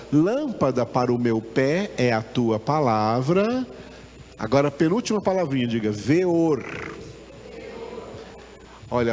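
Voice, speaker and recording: A man's voice: mid-range voice, darkish tone. A man with a Brazilian Portuguese accent giving a Bible class, patiently repeating words and asking the listeners to say them back. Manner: often checks understanding with short tag questions. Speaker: Bible teacher. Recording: long hall reverb with faint background noise.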